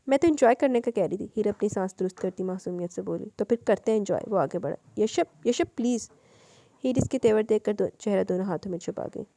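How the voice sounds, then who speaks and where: A woman's voice: warm tone, no room sound. A woman reading a romance novel aloud, raising her voice for the lovers' lines. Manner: voices both lovers, lifting pitch and volume for dialogue. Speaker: audiobook narrator.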